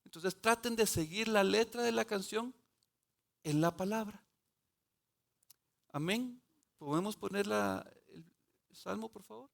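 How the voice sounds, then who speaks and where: A man preaching a sermon as pastor, slow and emphatic, rising to fervent passages. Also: high voice, vocal fry, fairly bright tone. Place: church sanctuary.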